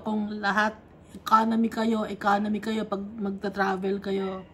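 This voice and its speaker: A woman with a slightly high, fairly bright voice leads a conversational Bible study. As a Bible teacher, she reads verses, explains them, and frequently checks in with her listeners.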